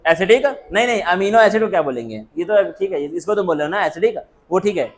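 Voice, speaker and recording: Quick and expressive, his high voice carries a classroom lecture packed with rhetorical questions and call-and-response drills. He teases students, cracks jokes and picks people out by name.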